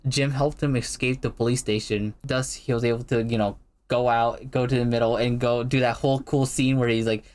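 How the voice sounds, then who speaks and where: A man co-hosts a relaxed movie review chat, walking through plot points at a mid pitch. He fills his explanations with "uh" and "like" as he goes. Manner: explains plot points with many fillers and restarts. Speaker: co-host.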